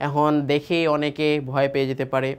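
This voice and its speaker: A man from Bangladesh gives a Quran reading lesson. He spells each word letter by letter, then draws the blended word out slowly. He keeps asking quick questions and answering them himself. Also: a little high, monotone, clean tone. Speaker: Quran recitation teacher.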